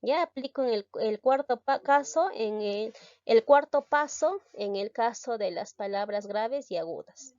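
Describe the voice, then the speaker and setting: A woman's voice: fairly high pitch, lively intonation, unhurried, a little mellow, no room sound. Methodical woman teaching a grammar lesson. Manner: methodical, step-by-step explaining with rhetorical questions. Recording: dry, slightly dull recording.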